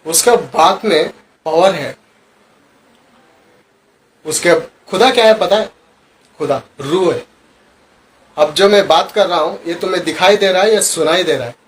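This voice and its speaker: Male pastor, sermon delivery, fairly high voice, loud emphatic phrases dropping to quiet asides, faint hiss underneath. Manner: preaching with rhetorical questions to the congregation.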